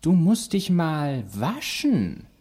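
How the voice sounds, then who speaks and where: A man's voice: fairly high pitch, wildly swooping pitch, takes it slowly, a little mellow, breathy edge, pitched above the performer's own voice, exaggerated voice. A man voicing a prim, fussy male cat in a storybook, speaking sniffily and with disdain. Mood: sniffy.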